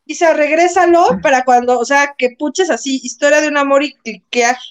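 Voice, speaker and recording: A woman's voice: high-pitched, normal speed. A Mexican woman co-hosting a live watch-along, joking and chatty with lots of slang. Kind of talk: casual live chat.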